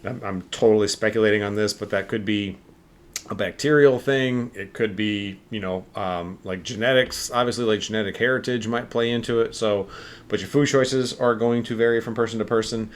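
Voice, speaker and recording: A man's voice: lowish voice, fairly even intonation, normal speed. A man co-hosting a health podcast, explaining in a rambling, casual way with lots of fillers. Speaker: podcast co-host.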